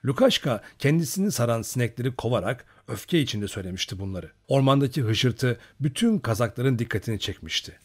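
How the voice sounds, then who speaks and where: A man reading an audiobook story aloud in a steady storytelling manner. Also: mid-range voice, husky. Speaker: narrator. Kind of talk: audiobook narration.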